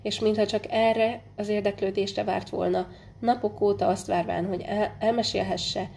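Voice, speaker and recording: A woman reading a literary novel aloud as audiobook narration, measured and unhurried, with small slips and restarts. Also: medium pitch, fairly even intonation, vocal fry, a little mellow. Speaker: audiobook reader.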